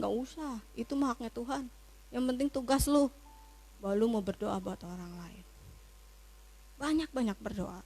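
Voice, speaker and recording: A woman giving a youth church sermon in a chatty, slangy, animated way, telling stories and acting out what people said. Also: medium pitch. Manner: chatty and animated, slangy, acts out quoted talk. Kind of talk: casual sermon with told stories.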